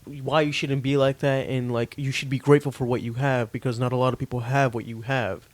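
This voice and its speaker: A man's voice: mid-range voice, little pitch movement, fairly quick. A young man hosting a casual podcast chat, thinking aloud with lots of fillers and restarts. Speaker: podcast host.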